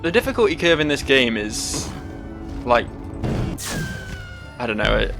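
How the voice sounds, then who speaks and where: Male let's play host: sardonic, sweary, offhand, gravelly fry in the voice, game music underneath. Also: mid-range voice, sing-song, unhurried, a bit bright. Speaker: gaming video host. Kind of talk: casual let's play commentary.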